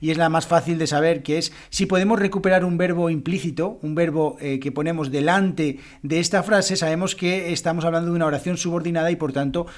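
Male podcast host, Spanish teacher; clear and patient, slightly high voice, says examples aloud. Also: steady tone, brisk, hardly any pauses. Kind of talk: explanatory podcast lesson.

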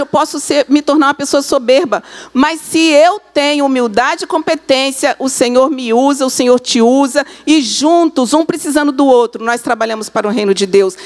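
High-pitched woman pastor, earnest, emphatic preaching style. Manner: earnest, repetitive emphatic phrasing. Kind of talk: sermon.

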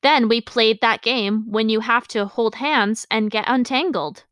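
A woman's voice: on the high side, a little slow, a bit bright, dry recording. A woman hosting a podcast, reading her childhood journal entries aloud and breaking off for amused, self-mocking comments and laughs. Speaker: podcast host.

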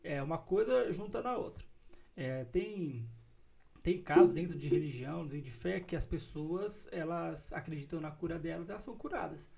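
A woman's voice: deep voice, expressive, moderate pace, gravelly, mellow. A woman hosting a podcast in a casual conversation, chatty and thinking aloud as she talks.

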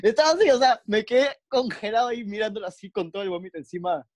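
A man's voice: sits high, quick pace, no echo. Slangy young Peruvian man telling stories. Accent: Peruvian Spanish. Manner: rambling, slangy, animated anecdotes. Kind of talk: casual storytelling chat.

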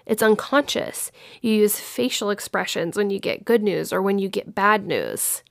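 A woman's voice: mid-range voice, moderate pace, creaky, no echo, studio quality. A woman in her thirties from Texas gives an informal talk on communication, explaining with personal stories. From Dallas-Fort Worth area, Texas. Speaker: speaker on communication.

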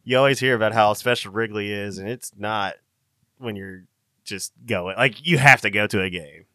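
Low, bright-toned joking young man. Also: moderate pace, dry recording, studio quality. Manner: profane, joking banter. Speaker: podcast co-host. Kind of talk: casual chat.

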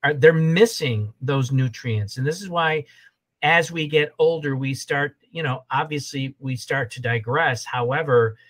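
A man's voice: medium pitch, unhurried, fairly bright tone, low-quality recording. A man in his sixties, a holistic health coach, talking as a podcast guest and repeating his points in a rambling way. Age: 60s. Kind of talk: casual podcast conversation.

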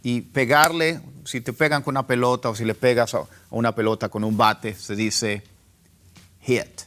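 A man whose first language is Spanish, teaching English pronunciation and repeating word pairs slowly to contrast them, with faint music underneath. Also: medium pitch, steady tone, fairly bright tone. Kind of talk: casual pronunciation lesson.

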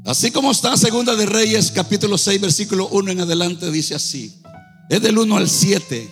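A male pastor preaching a sermon in a church, in a fervent, half-sung delivery that rises into shouts. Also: high voice, lively intonation, moderate pace, big-room sound, soft background music. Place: church sanctuary.

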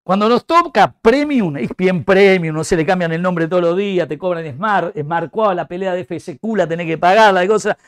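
A man with an Argentine Rioplatense accent ranting comically as an excitable, exaggerated football fan. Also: high voice, fairly quick, hardly any pauses, clear, resonant tone. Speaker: comic talk show host. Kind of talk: comic rant.

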